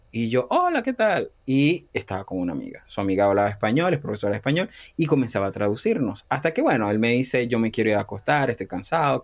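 A man in his thirties from Panama telling a story in a relaxed interview. He voices the other people in the story as he goes and breaks into laughter now and then. His voice sits at an ordinary middle pitch. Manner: animated, acts out quoted dialogue, laughs often. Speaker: interview guest.

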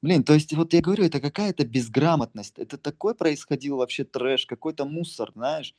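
This time his voice sits on the high side, brisk, a little mellow, and slightly rough. The young adult beatmaker and music producer from Russia's Altai region rambles through his interview answers in slang, with plenty of false starts.

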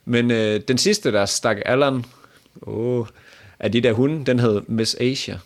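A man co-hosting a podcast, chatting casually with a friend, swearing and laughing often. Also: medium pitch. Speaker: podcast co-host. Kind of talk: casual chat.

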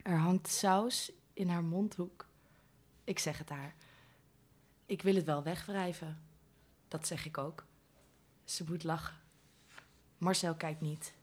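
A woman giving a quiet, understated first-person dramatic reading of a play text. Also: on the low side, fairly even intonation, slow pace, pauses often. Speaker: reader in a radio play reading.

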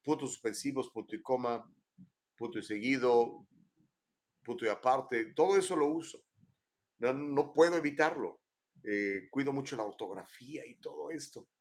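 A man's voice: mid-range voice, animated, normal speed. An older man with a Mexican accent hosting a live show from his home, chatting in a rambling way and tagging questions onto his sentences. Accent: Mexican Spanish. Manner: rambling, chatty, keeps adding tag questions. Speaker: host. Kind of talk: casual live-show chat.

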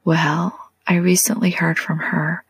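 Slow breathy whispering woman in her forties. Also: lowish voice, little pitch movement, no echo. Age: 40s. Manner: slow, soft and prayerful, speaks directly to the listener. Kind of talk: whispered devotional and guided relaxation.

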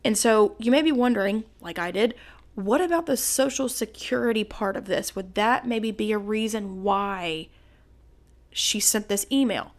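A woman's voice: medium pitch, moderate pace. A woman hosting a true crime podcast, talking to listeners in an indignant, conversational way with frequent asides. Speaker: podcast host.

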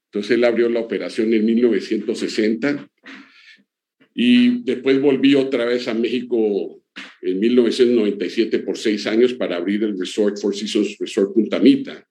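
Low-voiced older man telling his story. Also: moderate pace. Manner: relaxed, many "eh" and "pues" fillers. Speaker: interview guest. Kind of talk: casual conversational answers.

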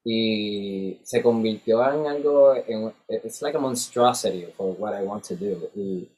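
A man with a husky voice tells stories casually in Spanglish, switching between Spanish and English and acting out dialogue. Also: fairly low pitch, slow pace, rough recording. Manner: animated filler-heavy storytelling with re-enacted dialogue. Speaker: musician in a band.

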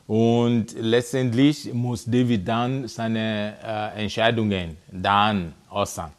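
Slow, hesitant low-voiced man from Nigeria. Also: steady tone. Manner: hesitant, many fillers and restarts. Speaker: interviewee, father of a footballer. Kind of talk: casual interview answers.

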